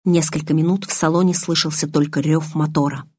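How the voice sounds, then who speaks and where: A woman narrating an audiobook in an even, measured way. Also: sits low, husky, no room sound, clean studio sound. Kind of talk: audiobook reading.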